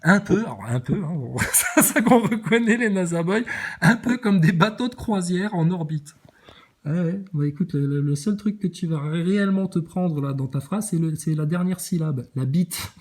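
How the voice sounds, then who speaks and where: A woman's voice: fairly low pitch, expressive, moderate pace, darkish tone. A woman ranting at viewer comments in a sarcastic, crude, mocking way, often laughing. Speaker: video host reacting to viewer comments.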